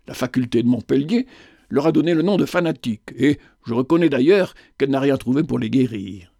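A man reading as a composed, skeptical physician who explains things in a rational, measured way. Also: medium pitch, animated, gravelly, mellow, no room sound, clean studio sound.

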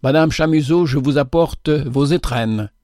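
A gentle, solemn old man of mystery speaks in short, calm, grave lines, as a man reads him. His voice sits a little above the narrator's own. The sound is dry and close. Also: fairly high pitch, measured pace, dry recording, close to an everyday voice.

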